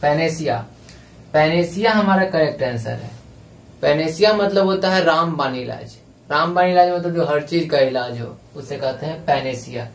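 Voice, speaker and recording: A male exam prep teacher explaining a lesson, reading English lines slowly and spelling words letter by letter. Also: fairly high pitch. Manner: reads English passage slowly, drawn out. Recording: echoey room, voice from a distance.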